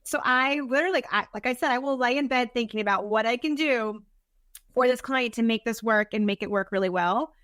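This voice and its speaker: A woman who works as a business consultant appears as a podcast guest, speaking briskly in a slightly high voice. She's earnest and informal, often acting out animated little quotes of herself and others. The studio-quality recording has no echo.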